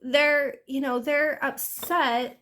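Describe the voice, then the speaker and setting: A woman's voice: sits high, steady tone, slow pace, a bit bright. A woman giving a casual, rambling tarot reading in a chatty, self-deprecating way. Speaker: tarot reader.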